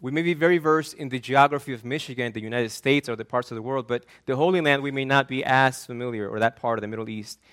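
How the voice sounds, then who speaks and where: Earnest pastor preaching. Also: male voice, mid-range voice, fast talker, hardly any pauses, fairly bright tone. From Argentina. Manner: earnest, emphatic preaching with repeated words and restarts. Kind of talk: sermon.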